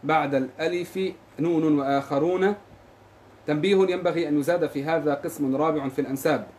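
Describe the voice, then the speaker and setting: رجل يقرأ نصًا تراثيًا في درس بسرعة، ويضبط الحروف والحركات كلمةً كلمة. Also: male voice, fairly high pitch, steady tone, a little mellow, a little hiss or hum. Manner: reads quickly, spells out vowels and letters. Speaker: reader of the text in a lesson. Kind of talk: rapid recitation of a classical text.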